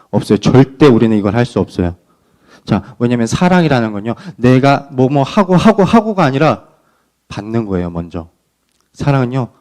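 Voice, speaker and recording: A man preaching a youth sermon in a church, asking his teenage listeners questions and calling them friends. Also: fairly high pitch. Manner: lively, questioning, addresses kids as friends. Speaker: youth pastor. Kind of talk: sermon to middle schoolers. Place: church sanctuary.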